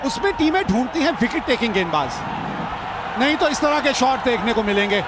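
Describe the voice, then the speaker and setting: A man giving excited live cricket match commentary, exclaiming over the play. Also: very high voice, a little fast, a crowd in the background, noisy background.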